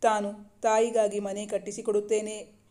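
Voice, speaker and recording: A woman narrating a romance novel as a steady, scripted audiobook reading. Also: mid-range voice, moderate pace. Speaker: storyteller.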